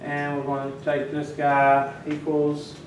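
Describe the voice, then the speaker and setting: A man's voice: fairly high pitch, monotone, slow pace. A man teaching a class and teasing his students as he works. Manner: teasing, talks to students while working. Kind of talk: classroom lecture. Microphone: far from the mic. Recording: echoey classroom from far off, faint noise.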